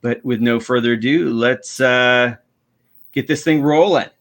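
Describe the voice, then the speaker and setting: A man's voice: medium pitch, unhurried, fairly bright tone. A man with an American accent chatting casually as host of a livestream about fishing.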